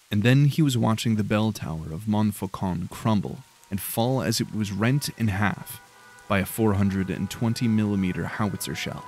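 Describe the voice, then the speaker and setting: A man with a fairly low voice narrates a dark fantasy story in a measured, grave manner. His reading is scripted and steady, and he lets the descriptions settle as he goes. It sounds like a polished audiobook performance.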